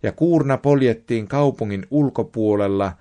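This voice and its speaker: A man giving a slow, measured, solemn reading of scripture aloud. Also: mid-range voice, dark tone. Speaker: Bible reader.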